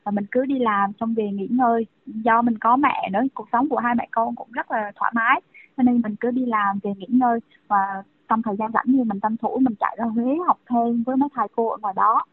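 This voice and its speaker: Over a tinny, dry telephone connection with no room sound, a woman doctor in her thirties talks in a fairly high, steady voice at a fairly quick pace. She is earnest and conversational in the interview, with frequent fillers.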